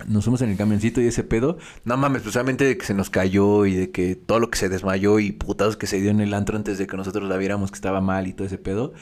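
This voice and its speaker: A man with a Mexican accent, a podcast guest telling a story in casual, slangy talk with animated delivery and laughter. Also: fairly low pitch, quick pace, few pauses.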